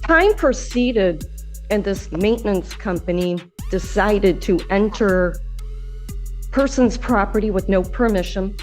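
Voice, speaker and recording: A woman's voice: mid-range voice, animated, slow pace, a little mellow, faint music behind. Rambling woman litigant in a courtroom recording. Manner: rambling, stiffly formal wording. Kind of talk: addressing a judge in a hearing.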